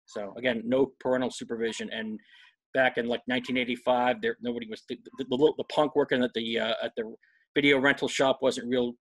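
A man's voice: medium pitch, flat delivery, a bit bright, slightly rough, no echo, low-quality recording. A man in his forties co-hosting a casual talk show, rambling and chatty as he talks. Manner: rambling, chatty, quick laughs. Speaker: co-host. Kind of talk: casual chat.

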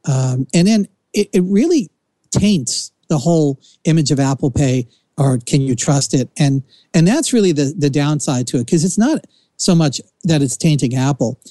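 A man's voice: fairly high pitch, lively intonation, moderate pace, dark tone, no room sound. A man with a New Jersey accent hosting a casual talk show, giving rambling, opinionated takes. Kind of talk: casual chat.

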